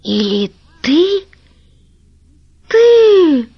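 A woman voicing an elderly aunt who wails and pleads in a shrill, tearful voice. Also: a little slow, no echo, natural voice. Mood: wailing pleading. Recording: dull lo-fi recording.

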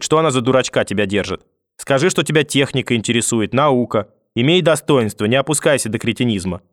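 A man's voice: dry recording, clean studio sound, close to an everyday voice. A man voicing a cruel, bitter old grandmother who curses and shrieks. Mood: scheming. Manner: shrill, venomous, cursing.

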